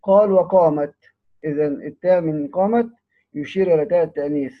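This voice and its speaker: Tinny-sounding Egyptian man teaching slowly. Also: a little high. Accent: Egyptian Arabic. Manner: explains step by step, quotes verses slowly and drawn out, asks the listener questions. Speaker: teacher of Quranic recitation. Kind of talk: recorded lesson. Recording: tinny phone-like recording.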